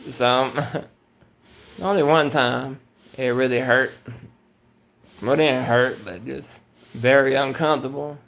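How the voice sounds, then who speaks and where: A man's voice: mid-range voice, takes it slowly, gravelly, long pauses, a bit bright. A man talking in a casual, rambling late-night monologue to his viewers, laid-back and often saying "man". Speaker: vlogger. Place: at home at night.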